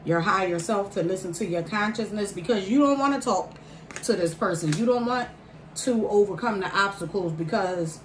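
A woman giving a casual tarot card reading to viewers, pausing mid-phrase and repeating phrases for emphasis. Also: medium pitch. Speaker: tarot reader. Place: indoor room at a table by a window. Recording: roomy, distant mic, faint background noise.

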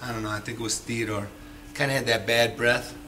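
A laid-back sidekick, played by a man, reacts in an easy, middle-pitched voice. He chats loosely with his friend over a faint hiss in this indie film scene. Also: steady tone, a little fast, sharp tone, lightly acted. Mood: casual. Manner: easygoing, reactive.

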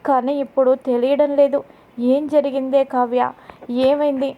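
A woman's voice: high-pitched, level tone, normal speed, phone-quality sound, voice pushed up, lightly acted. A woman narrator voicing a distraught young woman asking desperate, bewildered questions.

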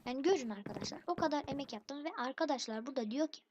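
Speaking very fast in a high-pitched, expressive, slightly mellow voice, a woman hosting a gaming channel provides irritated let's play commentary on her own match. She complains and labels her rivals noobs, over a hissy, noisy background.

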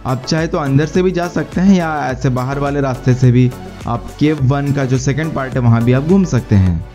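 A man's voice: medium pitch, moderate pace. Man narrating a travel guide voice-over. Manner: steady explanatory guide tone, mixing English words into Hindi. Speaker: travel vlogger. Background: faint background music.

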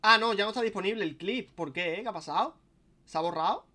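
Chatty young streamer, higher voice. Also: male voice, fast, sharp tone. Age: young adult. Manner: chatty, swearing, restarting sentences. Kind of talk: casual live-stream chat.

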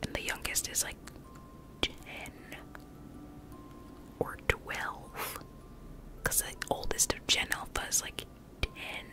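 A woman's voice: takes it slowly, pauses often. A young woman in her late teens whispering close to a studio mic in her bedroom, reading chat messages aloud and answering them in whispered live-stream chat. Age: young adult. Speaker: ASMR streamer. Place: bedroom with plush toys, indoors. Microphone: studio mic close in front.

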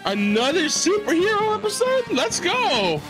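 A man's voice: very high-pitched, huge pitch swings, normal speed, poor audio. A man in his thirties giving short, baffled, sweary reaction remarks in casual talk, close on the microphone. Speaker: reaction show co-host. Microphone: close podcast microphone with headset. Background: cartoon soundtrack with music playing.

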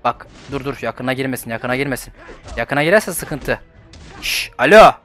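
A young man giving casual gameplay commentary as a channel host, excitable and swearing, swinging from low muttering to shouts. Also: normal speed, faint music behind.

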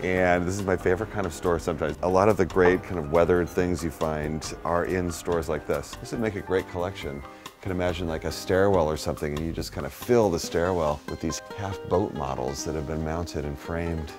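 A man's voice: deep voice, steady tone, a little fast. A man hosting an on-location tour for a furniture brand, enthusiastic and admiring, sometimes drawing words out. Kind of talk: presenter narration and on-site chat. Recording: music playing underneath.

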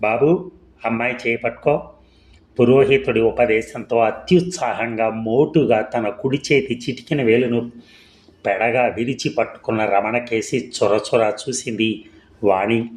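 A man narrating a short story in a measured, expressive storytelling manner. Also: mid-range voice.

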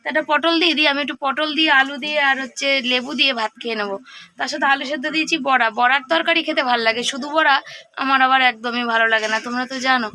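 A middle-aged woman talks fast in a high, bright voice that is hoarse from a cold. She chats casually to her viewers as she cooks in her home kitchen. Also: steady tone, slight background noise. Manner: chatty, talks to viewers while cooking. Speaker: vlogger. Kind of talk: casual cooking vlog chat.

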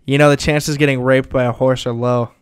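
A man's voice: medium pitch, little pitch movement, a little fast, clean tone. A man hosting crude, joking casual chat with strangers on a video call, laughing often. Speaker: host chatting with strangers.

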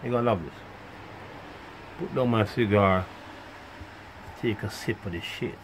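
A man ranting in a profane monologue, rambling and swinging between loud outbursts and muttered asides. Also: lowish voice, unhurried, noisy background. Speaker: vlogger.

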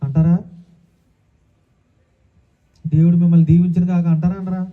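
A man's voice: high voice, level tone, very fast. A man preaching a sermon as pastor, calling out hallelujah often and asking the congregation questions. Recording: tinny phone-like sound.

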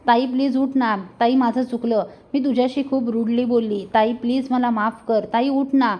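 A woman's voice: a little high, steady tone, moderate pace, muffled recording, lightly acted. A woman reading the lines of a remorseful younger sister who pleads tearfully. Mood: pleading.

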